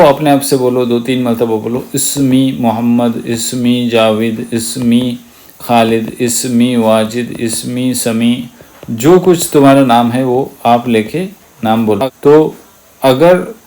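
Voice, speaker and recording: A man's voice: medium pitch, darkish tone. A man teaching Arabic words in an explanatory online lesson, patiently repeating each word and asking the listener to say it back.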